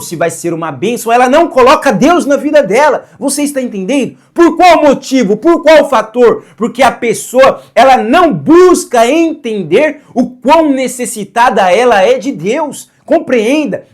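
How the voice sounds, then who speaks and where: A man preaching a sermon to camera, earnest, posing rhetorical questions and answering them himself, and repeating phrases for emphasis. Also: extremely high pitch.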